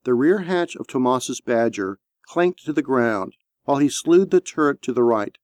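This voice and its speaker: A male narrator reads a war scene in a steady, measured way at a middle pitch. The recording is dry and close, with no room sound at all. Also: dry recording. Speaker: audiobook narrator. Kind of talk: scripted narration.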